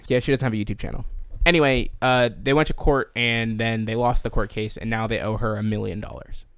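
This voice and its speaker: A man's voice: on the low side, steady tone, brisk, fairly bright tone, smooth, no room sound. A man co-hosting a podcast, telling a story in casual chat with a rambling, joking, self-deprecating manner. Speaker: podcast co-host.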